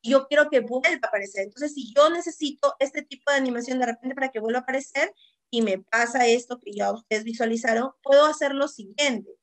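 A woman with a high voice talks viewers through a software lesson. She is lively and keeps asking rhetorical questions to check they are following along. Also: fairly quick. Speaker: teacher. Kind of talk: screen-recorded software tutorial.

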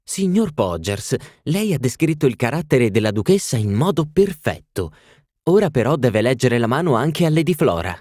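A man's voice: big pitch swings, moderate pace, no echo, clean studio sound. A man voicing a witty, playful society hostess with a raised, teasing voice. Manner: bright, teasing, raised pitch. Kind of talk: audiobook reading.

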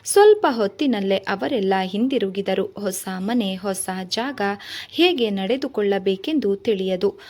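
Woman reading a novel aloud. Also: mid-range voice. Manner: measured, expressive first-person narration. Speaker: storyteller.

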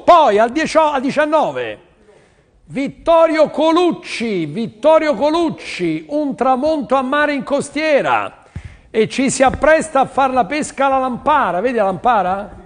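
High-voiced pushy art auction salesman. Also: big-room sound. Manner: pushy, urging, repeats phrases. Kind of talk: televised art auction pitch.

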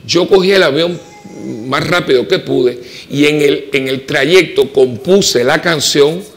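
Puerto Rican priest giving animated homily. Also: male voice, on the high side, unhurried. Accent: Puerto Rican Spanish. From Puerto Rico. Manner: animated storytelling, rising to emphatic peaks and dropping to soft asides. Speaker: parish priest. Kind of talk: homily with personal stories. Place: church.

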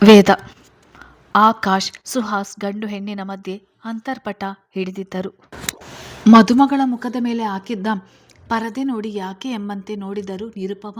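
Woman reading a story in a flat voice. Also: mid-range voice. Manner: steady, measured reading. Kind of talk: storybook narration.

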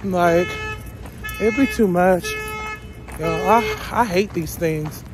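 In a slow, fairly low voice, a young woman rambles through a car vlog, talking bluntly and animatedly and swearing freely.

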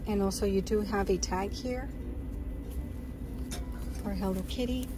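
A woman's voice: mid-range voice, unhurried, noisy background. A woman talking chattily and with enthusiasm as she shows off her purchases in a casual vlog, recorded while sitting on her bed. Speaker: vlogger.

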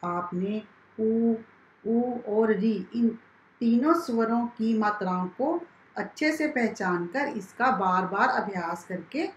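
A woman teacher leads a primary school lesson at a very unhurried pace. She spells out each sound carefully, as if for young children. Her voice carries a clear echo from the room around her. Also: a little high. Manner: slow, carefully spelled-out classroom instruction. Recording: echoey room.

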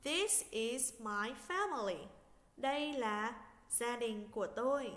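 A woman teaching English to young children, in a slow, patient lesson voice, breaking words into syllables in a sing-song way. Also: fairly high pitch, lively intonation, fairly bright tone, big-room sound.

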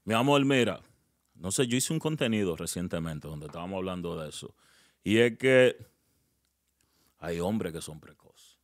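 A man's voice: low voice, animated, moderate pace, pauses often, no room sound, clean studio sound. A man giving frank dating advice in a casual chat, joking and often laughing as he acts out lines. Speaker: guest relationship advisor.

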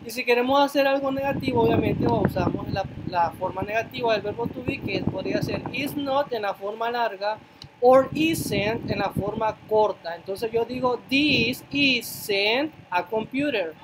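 High-voiced bilingual teacher over loud noise. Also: male voice, moderate pace. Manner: explains in English then repeats in Spanish, frequent "ok?" checks, some restarts. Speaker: English teacher. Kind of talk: bilingual classroom lesson.

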